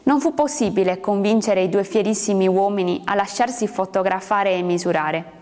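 A woman's voice: mid-range voice, moderate pace, a little mellow. Woman reading a story in a reverberant room. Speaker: narrator. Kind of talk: audiobook reading of literary fiction. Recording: long hall reverb.

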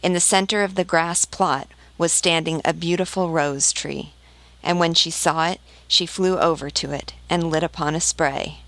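Low-voiced woman reading a story aloud. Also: fairly even intonation, moderate pace, a bit bright, no room sound.

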